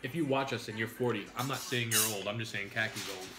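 A man's voice: on the low side, fast talker. Guy in his 30s live-streaming dinner at home, crude jokey talk, music playing behind. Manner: crude, joking, reads viewer names aloud. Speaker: mukbang streamer. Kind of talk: casual live-stream chat while eating. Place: home kitchen at a dining table.

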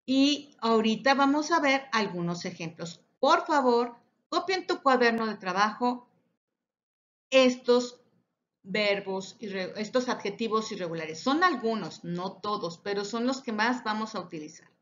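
A woman teaching an English lesson, speaking deliberately and repeating each example sentence. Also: on the high side, lively intonation, a little hiss or hum. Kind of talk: recorded classroom lesson. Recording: dull lo-fi audio.

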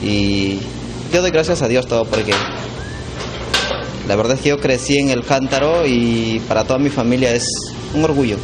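A man's voice: mid-range voice, moderate pace, pauses often, rough recording. A young man, a cook, interviewed in a restaurant kitchen on a handheld mic, speaking hesitantly and repeating words. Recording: loud music under interview.

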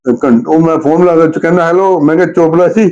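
A man's voice: a little high, fairly even intonation, fast, dark tone. An older man tells a comic story, acting out both sides of a phone call in different voices. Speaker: joke teller. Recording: dull lo-fi recording.

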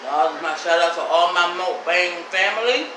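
A man's voice: sits high, normal speed, far from the mic. A man hosting a mukbang eating video, talking to his viewers with his mouth full in a chatty, direct way. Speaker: mukbang vlogger. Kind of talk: casual eating-show chat to viewers. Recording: echoey room, voice off-mic, noisy background.

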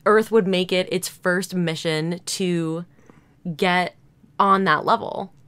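Low, smooth-voiced woman. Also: fairly even intonation, slow pace, a bit bright. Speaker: podcast co-host. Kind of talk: casual conversational chat.

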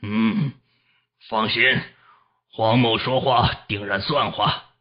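A man's voice: fairly low pitch, fairly even intonation, slow pace. A man voicing a resentful, scheming male gang leader in an audiobook, speaking in a grudging, clipped and sullen way. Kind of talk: audiobook character voice. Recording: dull lo-fi audio.

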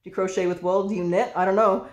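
A woman giving a casual tarot reading, chatty and excitable, who swears freely. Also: medium pitch, fast, roomy sound. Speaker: tarot reader.

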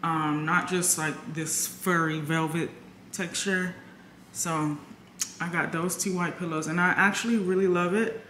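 Young woman, vlogger, chatty to camera, bright voice, echoey room. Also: fairly low pitch, steady tone, a little slow, a little hiss or hum. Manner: chatty, addresses viewers as "y'all". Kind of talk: casual vlog chat to camera.

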